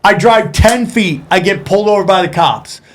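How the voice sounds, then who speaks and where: High-voiced man telling wild stories. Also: moderate pace, slight background noise. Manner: profane, animated anecdote telling that acts out the people in the story. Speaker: stand-up comedian, podcast guest. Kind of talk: casual storytelling.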